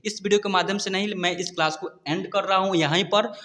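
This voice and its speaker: A man teaching a reading lesson, slowly sounding out words letter by letter and checking in with his students often. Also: sits high, fairly even intonation, pushed and bright, big-room sound. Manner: spells words out letter by letter, repeating "ठीक है". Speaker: Hindi teacher. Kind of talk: slow syllable-by-syllable reading lesson.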